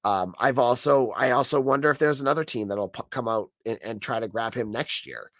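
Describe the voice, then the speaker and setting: An American man with a hoarse, croaky frog voice from being sick gives opinionated, conversational sports commentary as a solo podcast host. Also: mid-range voice, a little fast, a bit bright, dry recording, studio quality.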